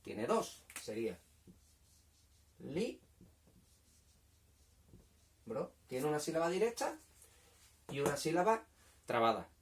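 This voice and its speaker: A man teaching a children's lesson in a patient, repetitive way, checking understanding often and sounding out syllables slowly. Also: on the high side, recorded from a distance, a little hiss or hum. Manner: patient, repeats points, checks with "¿vale?". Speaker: primary school teacher. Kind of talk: recorded language lesson for children.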